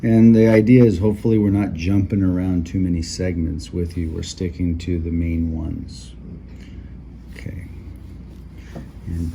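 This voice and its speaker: A middle-aged man, a chiropractor, calmly explaining the knee and a treatment plan to a patient in a small clinic room. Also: sits low, unhurried, creaky, pauses often, a little hiss or hum. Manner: calm, instructive, names body parts step by step. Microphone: camera in the room.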